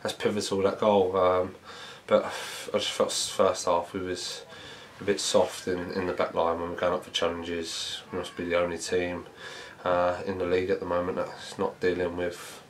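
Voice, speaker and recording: After a match, a football manager in his thirties gives a post-match interview in a small indoor press room, reflective and measured with frequent fillers. His very low voice stays flat in pitch, with faint room ambience and slight background noise behind him.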